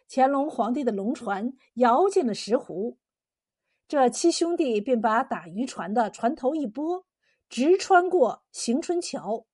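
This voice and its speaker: A woman narrates a folk tale in a lively, expressive way. Her voice sits high and clear. She asks the listener questions and builds the scene with energy. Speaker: storyteller.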